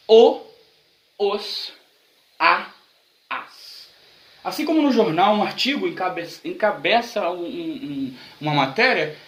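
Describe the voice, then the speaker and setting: A man's voice: high voice, a bit bright, roomy sound, poor audio. A man from Brazil teaching an online English grammar lesson, explaining patiently and repeating examples.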